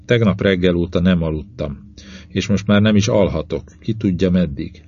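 A man reading a novel aloud in the first person, with measured, even pacing in short phrases. His voice is very deep. The recording is dull and lo-fi. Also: husky. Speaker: audiobook narrator.

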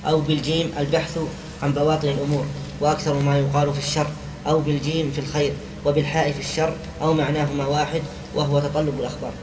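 Man reading a commentary in rapid monotone. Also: on the high side. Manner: reads fast in a flat monotone, short replies to the teacher. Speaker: student reading the commentary aloud. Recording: echoey hall with clear room noise.

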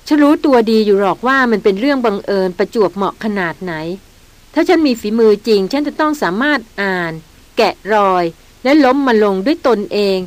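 A woman's voice: a little high, expressive, fairly quick, dry recording, lightly acted. A woman narrator gives voice to a young wealthy woman leading a jungle hunt. She speaks earnestly and politely, full of wonder.

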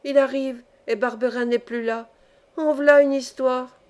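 Woman reader doing a shaky half-deaf old innkeeper lady, slow drawn-out laments, kinda high voice. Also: fairly even intonation, darkish tone. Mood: lamenting.

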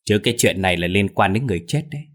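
A man voicing a cowardly male thief who grumbles and frets in quick, nervous speech. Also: fairly low pitch, expressive, fairly bright tone.

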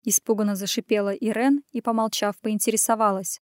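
A woman reads a first-person audiobook in a mid-range voice, taking the part of a male hero. Her delivery is gruff and sardonic. The recording is dry and close, with no room sound. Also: medium pitch, steady tone, a little fast, darkish tone, no room sound. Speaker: audiobook narrator. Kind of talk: scripted first-person narration.

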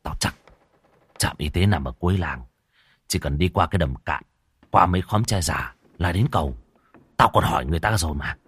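A man's voice: low voice, expressive, moderate pace, pauses often, a bit bright, husky, dry recording, pitched below the performer's own voice, heavily acted. A man voicing a hard, harsh-spoken gang leader who barks short orders. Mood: gruff, commanding.

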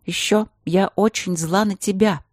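A woman's voice: medium pitch, fairly even intonation, unhurried, a little mellow, no echo, clean studio sound, lightly acted. Woman voicing a hot-tempered young princess. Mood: upset, clingy. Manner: emotional, pleading, fervent.

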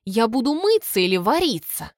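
A young woman reading an audiobook, voicing a defiant heroine who clips her words in a crisp, mocking way. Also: a little high, very animated, normal speed, no room sound, studio quality. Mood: indignant.

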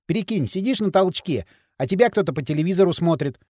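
A man voicing a timid, eager teenage schoolboy in an audiobook, nervous and quick to agree. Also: high voice, animated, a little mellow, dry recording, clean studio sound. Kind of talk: audiobook character reading.

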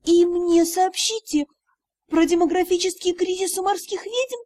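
A woman's voice: very high voice, measured pace, mellow, no echo, voice pushed up. A woman voicing a tearful, indignant young female magic student in an audiobook. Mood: pleading. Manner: pleading, indignant.

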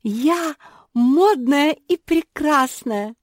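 A woman voicing a hot-tempered youngest pug sister who snaps and shouts in sharp outbursts. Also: mid-range voice, big pitch swings, moderate pace, no room sound, clean studio sound, pitched above the performer's own voice. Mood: delighted.

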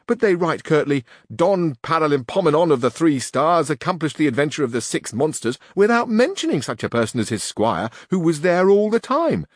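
A man's voice: on the high side, no room sound, clean studio sound. A man reading aloud and voicing a blunt, stubborn peasant squire who grumbles. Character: complaining stubborn peasant squire, male, middle-aged. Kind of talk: audiobook reading.

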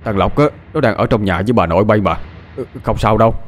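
A man's voice: fairly low pitch, quick pace, lightly acted. A man voicing a startled old grandfather who gives urgent orders and stumbles over hesitant fillers.

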